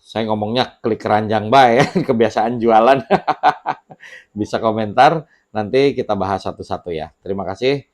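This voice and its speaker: A man talking casually to camera in a small home studio, giving relaxed, unhurried advice with many fillers and pauses. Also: on the low side. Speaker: channel host sharing debt advice. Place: small home studio with children heard nearby.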